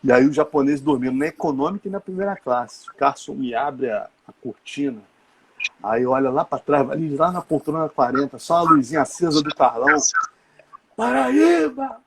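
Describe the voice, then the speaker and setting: A man telling a lively anecdote as the guest journalist in a live chat, acting out the shouted quotes. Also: mid-range voice, fairly quick, a crowd in the background. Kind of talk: animated storytelling in a live chat.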